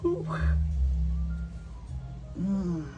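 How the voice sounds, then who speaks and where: A woman's voice: medium pitch, big pitch swings, extremely slow, muffled recording, over music. A woman hosting her art vlog, thinking aloud as she paints and murmuring small self-critical remarks. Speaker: art channel host. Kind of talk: casual art demonstration vlog.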